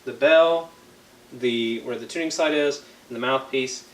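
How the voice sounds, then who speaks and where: A man's voice: medium pitch, unhurried. Patient young man teaching brass. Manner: patient, checks understanding with frequent okays. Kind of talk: one-on-one music lesson. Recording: echoey room, faint ambient noise.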